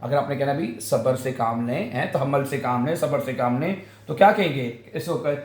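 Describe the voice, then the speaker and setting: A man with a Pakistani Urdu accent teaching German phrases, repeating words slowly syllable by syllable. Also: mid-range voice, lively intonation, darkish tone, roomy sound. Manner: slow, repeats words syllable by syllable with frequent "हैं" fillers. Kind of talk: language lesson.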